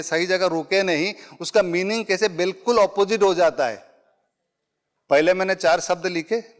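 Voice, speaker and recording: A middle-aged man giving a conversational public speaking workshop to a live audience, mixing English phrases into his talk and illustrating points with everyday examples. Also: high voice.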